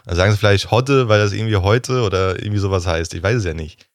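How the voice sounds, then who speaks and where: A man's voice: on the low side, quick pace, no room sound, clean studio sound. A man in a casual group chat, talking in rambling restarts and sounding puzzled.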